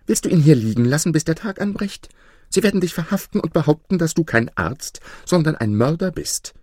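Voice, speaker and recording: A man's voice: fairly high pitch, animated, brisk, a little mellow, dry recording, clean studio sound, voice pushed up. A man voicing a doctor's frantic wife, speaking shrilly and urgently in a storybook reading.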